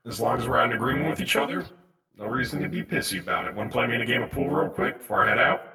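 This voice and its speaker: A man's mid-range voice comes through a voice changer filter blended with auto-tune, expressive and racing, sharp in tone, in an echoey room. He's a tabletop game player roleplaying, trading blunt, teasing banter.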